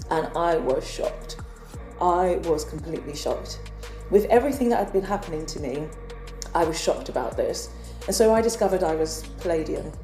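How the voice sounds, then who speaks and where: A woman's voice: on the low side, mellow, roomy sound. A woman from England earnestly telling a personal spiritual story in a casual vlog. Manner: earnest, confessional. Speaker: spiritual vlogger.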